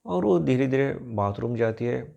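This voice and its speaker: A man, a spiritual speaker, narrating a moral story in a lively way and acting out the characters. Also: mid-range voice, normal speed, gravelly, dull audio. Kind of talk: storytelling talk.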